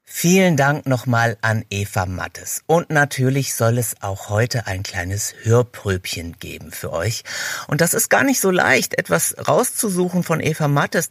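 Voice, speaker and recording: A man's voice: medium pitch, no echo. Male podcast host, dry sound. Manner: friendly, polite presenting. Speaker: interview host. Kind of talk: radio-style interview and presenting.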